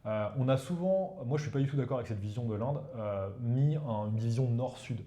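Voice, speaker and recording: A Hindi-speaking professor from India's Ganges plain speaks French as a guest expert, explaining things quickly and casually and slipping in "you see." His voice is mid-range, mellow and somewhat dark. The recording has a noticeable roomy echo.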